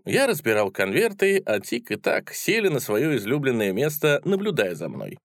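A man reading a first-person satirical story aloud in a wry, expressive manner. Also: mid-range voice, normal speed, no room sound, clean studio sound. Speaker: narrator.

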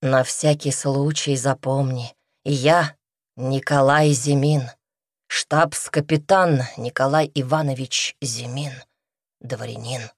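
A hulking, grim ex-convict robber from an audiobook, put on by a woman narrator. He speaks low and blunt, half muttering, with a husky, deep voice. Recorded close and dry. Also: no room sound, full character voice. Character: huge gruff male ex-convict robber, grim.

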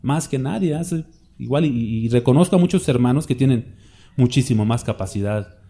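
A man delivers a sermon in a conversational style, his medium-pitched, mellow voice moving fairly quickly. He often puts questions to his listeners and acts out quoted voices for his examples.

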